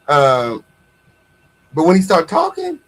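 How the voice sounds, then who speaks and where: An American man hosts a casual online gossip show in a voice pitched a little high for a man. His delivery is sassy and full of slang. He leans on repeated phrases to drive his points home. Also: wildly swooping pitch, takes it slowly, rough recording. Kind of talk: casual livestream gossip commentary.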